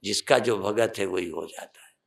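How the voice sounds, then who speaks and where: An older man, a swami, giving a sermon and guiding a meditation with calm instructions and rising emphatic phrases. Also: fairly low pitch, normal speed, vocal fry.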